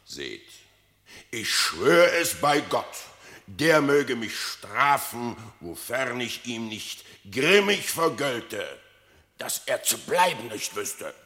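An actor playing a proud, boastful bear who serves as royal messenger, declaiming pompously in a classic radio play. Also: male voice, medium pitch, very animated, takes it slowly, bright, forceful tone, no room sound, clean studio sound, big-room sound, heavily acted. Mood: proud, defiant.

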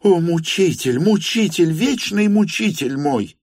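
A man doing a shrill, imperious noblewoman. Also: animated, a little slow, a little mellow, no echo, studio quality. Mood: frantic. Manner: shrill, commanding, frantic. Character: imperious agitated older noblewoman. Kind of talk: audiobook character voice.

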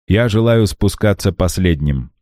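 A man's voice: sits low, expressive, unhurried, mellow, no echo, studio quality. A man voicing a terse, commanding male adventurer in an audiobook reading.

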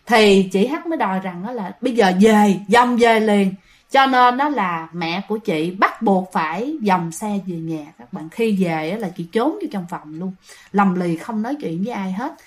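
A woman narrating a ghost story in a chatty way, talking to her listeners. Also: medium pitch.

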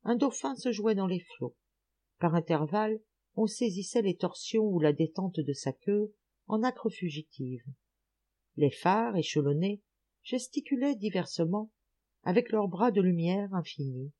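A woman narrating an audiobook in measured, literary phrasing. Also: medium pitch, expressive, warm tone. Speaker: audiobook reader.

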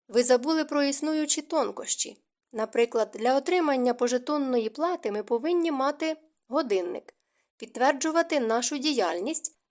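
A woman voicing a grumbling, theatrical poet. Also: high voice. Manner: querulous, theatrical. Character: grumbling middle-aged male poet, dreamy and practical. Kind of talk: audiobook character reading.

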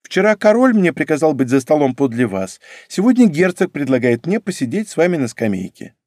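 A man voicing a shy, gentle young court lady in an audiobook, speaking softly with sighs. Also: fairly high pitch, very animated, a little fast, no echo, studio quality, voice pushed up. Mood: wistful.

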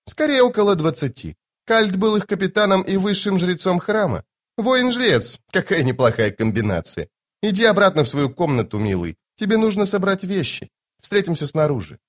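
Brief: male reader doing imperious, flirtatious sorceress woman, high lilting voice, mocking and commanding. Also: very animated, moderate pace. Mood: teasing. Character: haughty, teasing sorceress woman, playful and imperious. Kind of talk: audiobook character voice.

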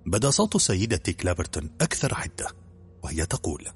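A man narrating an audiobook in a brisk, even storytelling manner. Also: deep voice, a little hiss or hum.

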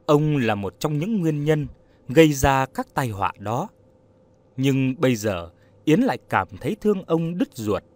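A man narrating an audio story in a steady, expressive storytelling manner. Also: mid-range voice, a little slow.

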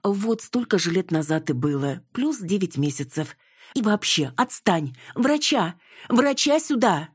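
A woman's voice: lowish voice, lively intonation, unhurried, slightly rough, no echo, clean studio sound, voice pushed up. Woman voicing a dramatic, indignant actress mother. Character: flustered theatrical older mother, an actress.

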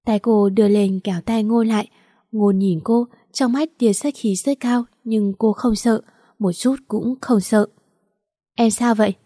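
A woman reads a romance novel aloud in a steady storytelling voice. Her tone is mellow and warm. She sits close to the mic in a dry, dead-quiet recording. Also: medium pitch, measured pace, slightly rough, dry recording. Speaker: audiobook narrator.

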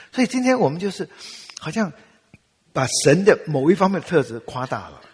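A male pastor preaching a sermon in a church, telling stories in a humorous, animated way. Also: on the high side, moderate pace, breathy edge, long reverb tail.

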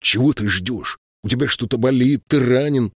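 A gruff burly warrior, voiced by a male narrator in an audiobook, growling and impatient. The voice lifts oddly high for him yet stays rough, close and dry. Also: normal speed, no echo.

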